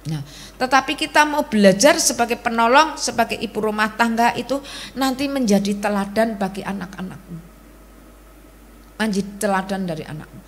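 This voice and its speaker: A woman's voice: on the high side, animated, brisk. A middle-aged woman, preaching to a women's church service in a conversational, storytelling way. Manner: conversational storytelling, Javanese-tinged Indonesian. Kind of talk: sermon.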